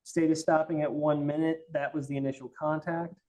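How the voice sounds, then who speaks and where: A male prosecutor addressing a judge in a formal, deferential and halting manner during a court hearing. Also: fairly high pitch, level tone, muffled recording, heavy background noise.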